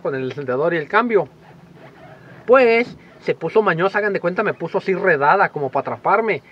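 A man's voice: a little high, breathy edge, muffled recording. A man, animatedly telling a personal story to the camera in a casual vlog, acting out voices. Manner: animated, acts out voices and shouts in his stories. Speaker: vlogger.

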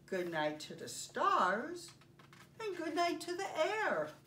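An older woman reads aloud and shows a craft to young children, using simple, deliberate phrases broken by pauses. Her voice is high and a bit bright, with huge swings in pitch. She's filmed in a carpeted living room by a camera a few feet off, so the mic sounds distant and faint room noise comes through.

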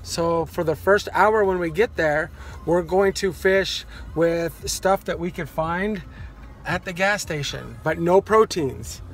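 A man's voice: on the high side, slow. A man in his forties, a father, casually narrating a fishing vlog into a phone held at arm's length, in a car and on a river dock, rambling with lots of ums. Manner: relaxed, rambling with many ums. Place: inside a parked car, then outdoors on a river dock. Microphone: phone camera at arm's length.

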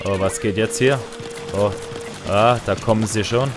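A man giving casual, excitable commentary while playing a video game online, with sudden loud high outbursts. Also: measured pace. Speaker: gaming let's player. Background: faint game music.

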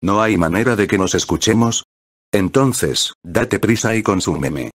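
A man's voice: on the low side, expressive, a little slow, no echo, clean studio sound. A man voicing a desperate, defiant young male hero in an audiobook.

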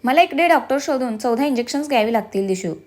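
A woman's voice: on the high side, animated, fast, a little mellow, close to an everyday voice. A woman voicing a playful, teasing young husband in a told story, joking with his wife.

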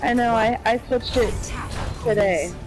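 A woman's voice: a little high, a little slow, poor audio. A woman in casual gaming banter, teasing and foul-mouthed. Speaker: gamer playing online with a friend. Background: video game music and sound effects.

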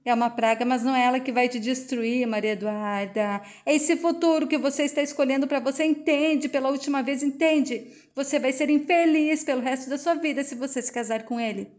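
A woman's voice: high-pitched, brisk, hardly any pauses, darkish tone, close to an everyday voice. A woman voicing a distraught father who pleads and repeats himself, reading his lines in a retold soap scene. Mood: pleading. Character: distraught father refusing to give daughter away.

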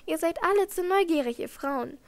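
A woman's voice: high-pitched, fairly even intonation, moderate pace, no echo, close to an everyday voice. A woman voicing a raging disfigured phantom. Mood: mocking rage. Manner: roaring, mocking, raised voice. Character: disfigured masked man, furious and obsessive.

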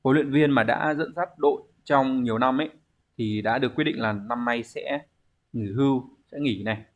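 A man's voice: mid-range voice, normal speed, highs cut off. A man, teaching a language exam review lesson, explaining step by step and answering his own questions.

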